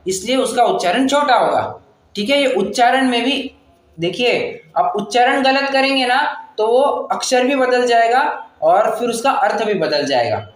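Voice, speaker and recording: Guy teaching scripture class, high voice, patient, chants verses slow. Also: fairly bright tone, reverberant. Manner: patient, explains pronunciation, chants verses slowly.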